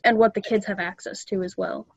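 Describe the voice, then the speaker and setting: A woman's voice: mid-range voice, steady tone, brisk, creaky, dry recording, lo-fi sound. A young woman casually explaining things to a club meeting, chatty and loose with ums and small laughs, over a video call. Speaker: student club presenter.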